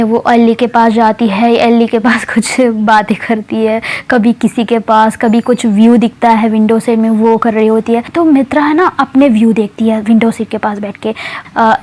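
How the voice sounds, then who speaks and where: A woman's voice: on the high side, darkish tone. A woman telling a story casually, in a chatty way with many hesitations and English words mixed in.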